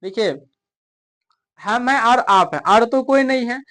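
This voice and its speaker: A male teacher walks through a story lesson. He talks casually and warmly to the camera, stopping again and again to ask his listeners questions and answer them himself. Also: very high voice, a little slow. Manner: keeps quizzing the listener, chatty and coaxing. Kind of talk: explaining a story in a recorded lesson.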